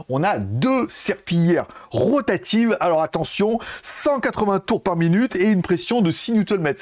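A man from France hosting a casual, chatty product review video, full of fillers and asides. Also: high voice. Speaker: tech reviewer.

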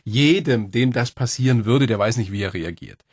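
A man's voice: mid-range voice, animated, normal speed, slightly rough, dry recording, clean studio sound. A male interviewer asking engaged, informal follow-up questions in a conversational interview.

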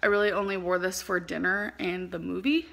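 A woman's voice: fairly low pitch, level tone, a little fast, creaky, fairly bright tone. A woman, chatting casually to her phone camera in a vlog, giggling as she talks. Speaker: vlogger. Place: parked car, home and store. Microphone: phone camera at arm's length.

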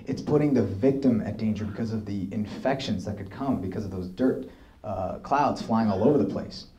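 A young man in his twenties, an army officer, telling lively stories to an audience and acting out quoted dialogue. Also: lowish voice, moderate pace, dull audio. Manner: lively anecdotal storytelling, acts out quoted dialogue. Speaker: army officer giving a talk. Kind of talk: storytelling talk to an audience. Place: hall with audience, showing slides.

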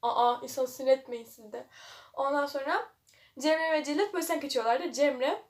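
A woman's voice: high-pitched, normal speed. A young woman reading a web novel aloud for a vlog, breaking off with mocking, laughing comments. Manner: mocking asides, frequent laughter.

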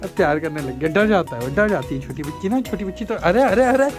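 A man's voice: high-pitched, lively intonation, quick pace. Casual male home vlogger, sing-song baby talk to the dog, music bed behind. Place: family home. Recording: background music under the voice.

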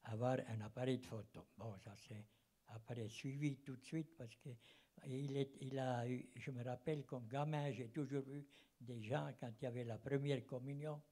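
A man in his eighties from the German-speaking Fribourg countryside in Switzerland speaks French with a foreign Swiss German accent, rambling and searching for words. A former travelling cinema operator, he reminisces into a handheld microphone as an audience member at a public round table, seated in a cinema auditorium. His voice is warm and medium-pitched, with fairly even intonation and moderate pace.

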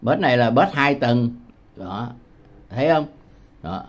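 A man from Vietnam teaching English words in a patient tutorial, repeating each word slowly with hesitation sounds. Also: medium pitch, expressive, background noise. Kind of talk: slow, patient screen-demo tutorial.

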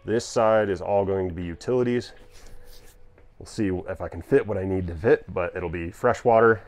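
A man's voice: deep voice, moderate pace, a little mellow. A man casually walking through his camper van build, explaining plans in a plain, practical way. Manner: plain, practical, talks while pointing things out. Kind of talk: casual walkthrough narration. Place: inside a cargo van in a workshop.

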